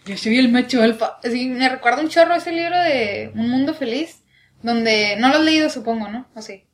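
A woman's voice: high-pitched, normal speed. A young woman with a northern Mexican accent, co-hosting a casual podcast chat and telling stories, often mimicking other people's accents. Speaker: podcast co-host.

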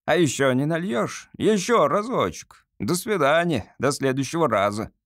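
Male reader as a drunken old cabman, bawling, coarse, wild pitch leaps. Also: animated, normal speed, dry recording, studio quality. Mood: rowdy. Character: drunken old cab driver, coarse and rowdy.

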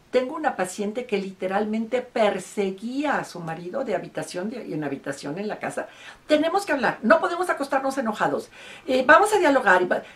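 An emphatic woman therapist talks straight to her listeners about relationship problems. She piles up repeated words to drive her points home in a steady, mid-pitched voice. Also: vocal fry. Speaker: couples therapist. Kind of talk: advice talk to camera.

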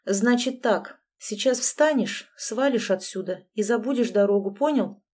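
A grown man who warns off a troublemaker in a low, level voice, never raising it, as a woman reading the story puts him on. The threat comes cold and controlled. It is a spoken storybook scene. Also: unhurried, darkish tone, close to an everyday voice. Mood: quiet menace. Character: quiet, protective grown man, coldly menacing. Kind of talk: audiobook reading.

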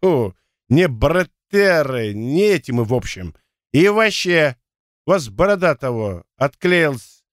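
A man's voice: a little high, sing-song, measured pace, no echo, clean studio sound. A man voicing a tipsy, clumsy young man who stammers and giggles.

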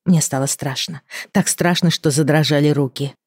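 A woman reading a first-person novel in a measured voice that drops to a hush in tense parts. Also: low voice, steady tone, dry recording, studio quality. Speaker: audiobook reader.

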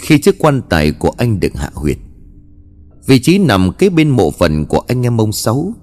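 A man giving dramatic, expressive narration of a scripted horror story. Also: medium pitch, normal speed, soft background music.

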